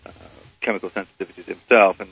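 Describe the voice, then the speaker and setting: A man's voice: deep voice, fairly even intonation, fast talker, vocal fry, slightly rough, lo-fi sound. Man on a phone held away, distant. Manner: hesitant, many fillers and restarts. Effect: phone held away from the mouth, faint and distant. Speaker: guest. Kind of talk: phone interview.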